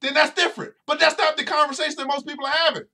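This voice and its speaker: This man's voice is very high and bright, with little pitch movement, delivered rapid-fire in a forceful tone. As a financial educator and podcast host, he preaches straight to his audience on a motivational show, hammering home phrases through constant repetition.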